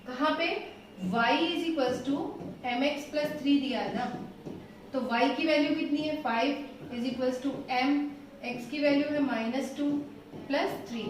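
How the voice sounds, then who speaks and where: A woman math teacher explaining solutions step by step, patient and reassuring, slowing down as she writes. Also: high-pitched, steady tone, slight background noise. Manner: patient, reassuring, slows down while writing. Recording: echoey room, voice from a distance.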